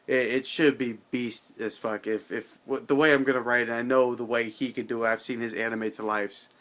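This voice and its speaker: A tipsy, tired man rambling casually to his channel's viewers, halting, repeating himself and swearing in loose slang. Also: medium pitch, steady tone, a bit bright. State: drunk, somewhat intoxicated and tired. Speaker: video channel host. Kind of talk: casual rambling vlog monologue.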